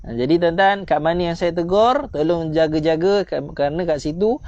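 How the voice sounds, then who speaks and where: Malaysian man teaching slow recitation. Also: a little high, a little mellow, dry recording, highs cut off. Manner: corrective, repeats points with slow drawn-out recitation examples. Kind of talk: online recitation lesson.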